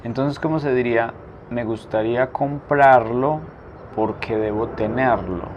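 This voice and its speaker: A man teaching a language lesson, asking a prompt and then saying each answer slowly twice. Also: medium pitch. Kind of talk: slow spoken drill lesson. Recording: dull lo-fi recording with faint noise.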